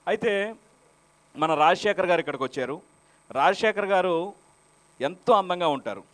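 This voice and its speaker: A man's voice: sits high, expressive, moderate pace. A man, a mimicry artist, chatting on stage to set up his impressions. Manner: chatty, sets up each impression. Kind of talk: stage patter between impressions.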